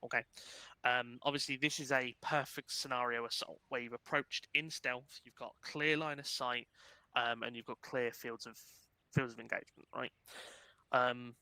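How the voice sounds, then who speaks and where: Bright, clear-voiced man giving a briefing. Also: medium pitch, fairly even intonation, moderate pace, dry recording, low-quality recording. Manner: casual, chatty, filler-heavy explaining. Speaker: unit instructor. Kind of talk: briefing a gaming unit over voice chat.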